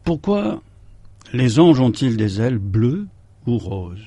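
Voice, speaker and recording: A man's voice: medium pitch, very animated, slow pace, warm tone, slightly rough, no echo, heavily acted. A man reading as a small curious boy. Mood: wondering. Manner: wondering, childlike questions. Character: small curious boy asking his mother questions.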